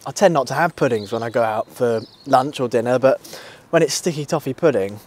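Speaking a little fast in a medium-pitched voice, a British man in his thirties who reviews motorcycles muses to camera in an easygoing, enthusiastic way. He's seated outside a country pub, and the recording clearly captures outdoor sounds and vehicle noise.

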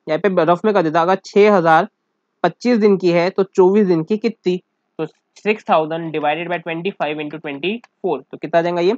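A man's voice: a little high, no room sound. A man teaching a casual accounting lesson, working the sums out aloud and keeping on asking his students if they follow. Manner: keeps calling the listener sir and asking check questions; works sums aloud in mixed Hindi and English. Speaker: commerce teacher. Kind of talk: casual classroom lecture. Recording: dull, dry, muffled recording.

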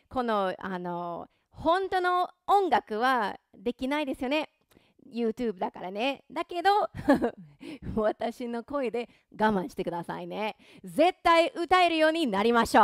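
Encouraging woman teacher, slow and smooth. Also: high voice, fairly bright tone, no room sound, clean studio sound. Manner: encouraging, playful, self-deprecating. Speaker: English teacher. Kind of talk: pronunciation and singing lesson.

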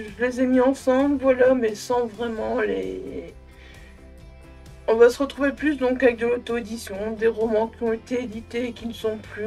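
A young woman giving a casual, effusive book review to camera at home, in a halting way that often repeats words. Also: on the high side, gravelly, warm tone. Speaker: book vlogger. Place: small room at home with bookshelves.

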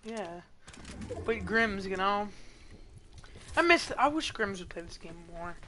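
A young woman playing a shooter game and chatting casually, playful and teasing, with bursts of excited yelling. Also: mid-range voice, slow pace, a little hiss or hum. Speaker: gamer streamer. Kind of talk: casual gameplay chat.

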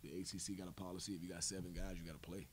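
A head coach in his forties fields questions at a post-game press conference, speaking into a table mic on a stand in a press room. He is measured, with lots of fillers and repeated words, and his low voice comes across flat over slight background noise.

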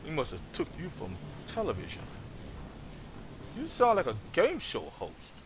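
A man's voice: a little high, huge pitch swings, moderate pace. A man giving gameplay commentary in character, musing and chatting to his in-game companions. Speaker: let's play gamer. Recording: noisy background.

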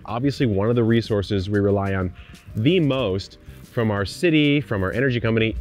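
A man in his thirties with a fairly low voice hosts an outdoor walkthrough vlog, explaining in a friendly, enthusiastic way as he gestures around his suburban yard. He's recorded on a lapel mic outdoors, with faint music playing underneath. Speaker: gardening channel host.

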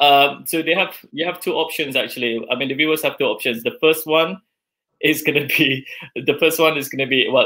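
A bright, forceful, medium-pitched voice belongs to a man in his forties doing a laid-back live cooking demo in his home kitchen. He chats as he cooks and thinks out loud, leaning heavily on fillers. He's captured by a video call camera that travels around the kitchen.

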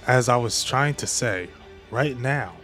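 A man voicing a smug young male villain with sound magic, reading the lines slowly and flatly over faint music. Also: medium pitch, close to an everyday voice.

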